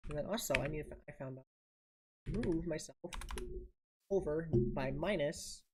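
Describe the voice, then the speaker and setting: A woman's voice: sits low, a little slow, very noisy. A woman streaming a building game, casually thinking aloud and muttering each step to herself. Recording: audible keyboard typing and clicks.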